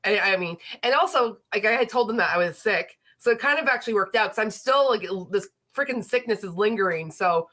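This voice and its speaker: A woman's voice: mid-range voice, animated, brisk, few pauses, fairly bright tone. A woman in her late thirties hosting a casual livestream chat, sounding stuffy and congested from a lingering illness, rambling with lots of fillers. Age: 30s. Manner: chatty, rambling, with frequent fillers. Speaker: host.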